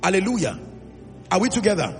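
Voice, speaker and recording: Here a Nigerian preacher speaks in a high, sing-song voice, emphatic and calling out to the congregation. He draws out key phrases in a call-and-response manner, recorded in an echoing hall with music.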